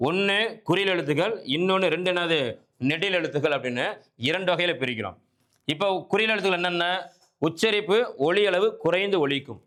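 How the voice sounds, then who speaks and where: A man's voice: high-pitched, expressive, fairly quick, a bit bright. Man teaching, asking and answering himself. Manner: asks questions and answers them himself, repeating key points; keeps checking in with listeners. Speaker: Tamil grammar teacher. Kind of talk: exam-prep grammar lesson.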